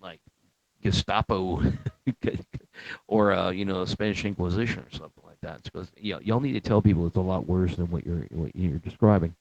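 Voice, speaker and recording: A man's voice: low voice, moderate pace, gravelly, a little mellow, no room sound. A middle-aged man, a Marine veteran, telling a rambling story in casual, profane talk with frequent chuckles. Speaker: Marine veteran recounting boot camp. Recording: dull lo-fi, dry.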